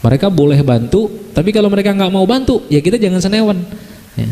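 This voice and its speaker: A man's voice: sits high, lively intonation, quick pace, mellow, long reverb tail. A male Islamic preacher giving a humorous, chatty religious lecture, peppered with little tag questions to the audience. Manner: chatty, joking, with frequent "ya" and "gitu kan" tags.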